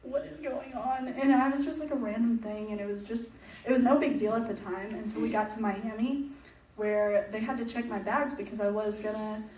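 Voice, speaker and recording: A woman's voice: fairly high pitch, fairly quick, hardly any pauses, darkish tone. Young woman presenter at church, casual and giggly, mic set far off in a roomy hall. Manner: chatty, laughs often, many fillers. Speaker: mission trip presenter. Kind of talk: casual talk to a church audience. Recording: echoey hall, picked up from a distance, faint noise.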